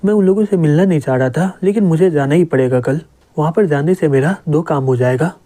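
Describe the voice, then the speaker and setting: A man voicing a calm, firm young male driver in a comic story retelling, speaking bluntly. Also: fairly high pitch, brisk, natural voice.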